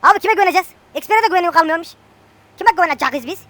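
A woman's voice: very high-pitched, lively intonation, very fast, a bit bright, no echo. A woman chatting casually and joking with a friend while playing a farming game. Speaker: gameplay streamer.

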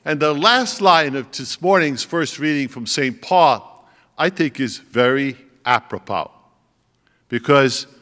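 A man's voice: mid-range voice, a bit bright, clean tone. Older man preaching informally in an echoing hall. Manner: halting, reflective, conversational. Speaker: priest giving homily. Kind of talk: informal homily. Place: stage of a school auditorium. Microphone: podium gooseneck microphone. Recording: long reverb of a large hall.

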